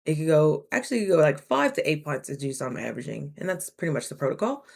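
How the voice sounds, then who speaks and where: Chatty woman in her thirties, lowish voice. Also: quick pace, vocal fry. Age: 30s. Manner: animated, chatty, acts out both sides of conversations. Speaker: vlogger. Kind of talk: casual storytelling to camera.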